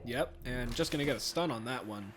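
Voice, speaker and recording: A man's voice: medium pitch, a little fast. Guy casually calling a board game match, chatty and jokey, faint hiss behind. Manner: chatty, excitable, laughs often. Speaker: game commentator. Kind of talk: casual play-by-play commentary. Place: home room.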